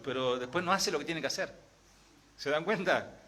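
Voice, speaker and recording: A man's voice: a little high, moderate pace, bright, forceful tone. A middle-aged man with an Argentine accent, a pastor preaching a sermon in a chatty way, often asking the congregation questions. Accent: Argentine Spanish.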